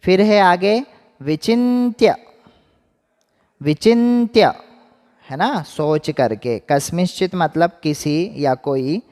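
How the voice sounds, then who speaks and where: A man teaching a class, speaking at a slow, deliberate pace and stretching words out as he drills pronunciation. His voice sits a bit high for a man. A long reverb trails behind him, as if he is in a bare, echoey room. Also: darkish tone. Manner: slow, drawn-out pronunciation drills with frequent "है ना?" checks. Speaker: Sanskrit teacher. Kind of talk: online class lesson.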